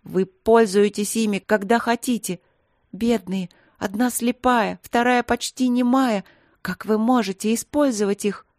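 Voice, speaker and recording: Woman playing furious teen princess, high heated voice, loud, storybook reading, dry sound. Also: steady tone, unhurried, dry recording. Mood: indignant. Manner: shrill, heated, near shouting. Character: angry teenage princess, fiery and indignant.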